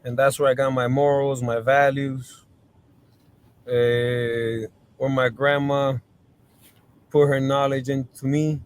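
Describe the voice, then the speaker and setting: A man's voice: mid-range voice, flat delivery, takes it slowly, long pauses, clean tone. Thoughtful, hesitant male interview guest. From Colombia, raised in Miami. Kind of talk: casual interview chat.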